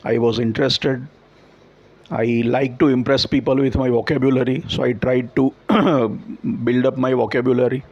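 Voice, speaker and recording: Thoughtful and conversational, this Gujarati-speaking man explains ideas through examples, correcting himself here and there, in Gujarati-influenced Indian English. He keeps a level, a little mellow tone in a mid-range voice at a moderate pace, and the sound is lo-fi.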